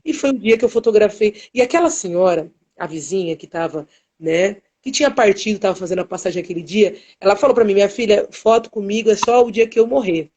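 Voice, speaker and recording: A woman photographer telling stories in a live interview, acting out the dialogue with expressive voices. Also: medium pitch, quick pace. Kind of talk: animated storytelling in a live interview. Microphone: live stream.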